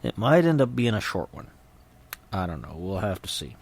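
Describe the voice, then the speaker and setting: Man, middle-aged, low pitch, muffled clenched-teeth speech, jaw nearly shut, halting, casual rambling podcast talk. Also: huge pitch swings, gravelly, breathy edge. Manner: halting and hesitant, repeating words. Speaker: podcast host.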